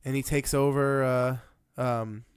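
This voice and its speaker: A man's voice: medium pitch, fairly even intonation, takes it slowly, smooth, dry recording, clean studio sound. A man co-hosting a podcast, chatting casually about movies with loose, joking banter. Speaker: podcast co-host.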